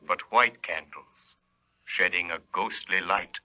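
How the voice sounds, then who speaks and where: A man's voice: deep voice, slow pace, bright, forceful tone, exaggerated voice, rough recording. A man acting a grave, commanding invisible avenger in an old radio drama, with solemn, theatrical pronouncements of judgment. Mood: stern, accusing.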